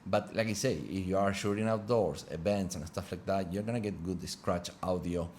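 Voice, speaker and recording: With the window open in his home room, a man casually reviews the small wireless lav mic under test, his phrasing chatty and loose. His voice sits low and steady with a darkish tone at normal speed, and there is slight background noise.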